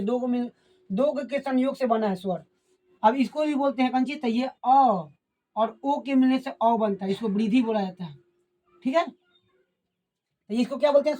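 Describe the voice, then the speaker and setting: A woman teaching a grammar lesson. She asks questions and answers them herself, and she repeats key terms slowly. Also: high voice, darkish tone.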